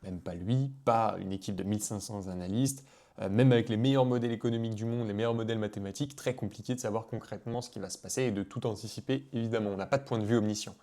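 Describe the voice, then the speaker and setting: A finance content creator explains investing in a casual video, talking freely with plenty of fillers and restarts. His voice is on the low side and warm, and he talks fast.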